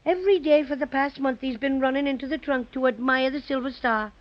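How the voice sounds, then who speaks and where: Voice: sits high, brisk, lightly acted. An actor voicing a small, boastful but kindly Irish teddy bear in a 1930s children's radio serial, with a jaunty brogue. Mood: matter-of-fact. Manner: jaunty, playful storybook brogue. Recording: dull vintage 1930s radio recording.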